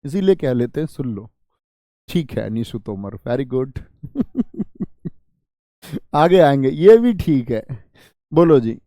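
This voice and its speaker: Brisk, playful male tutor. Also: a little high, warm tone, dry recording, clean studio sound. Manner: drills students with repeated call-and-response questions; chatty, joking, reads student comments aloud. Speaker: exam coaching teacher. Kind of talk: live online class.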